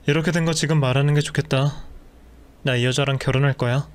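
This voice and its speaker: A man's voice: mid-range voice, steady tone, fast, natural voice. A man reading a scornful cheating husband. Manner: scornful and dismissive. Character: cruel, contemptuous cheating husband.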